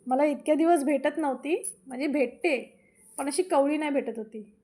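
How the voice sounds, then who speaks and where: A woman's voice: high voice, normal speed, mellow. A woman hosting a home cooking vlog, chatting homely and straight to her viewers in a casual voice-over. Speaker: cooking channel host.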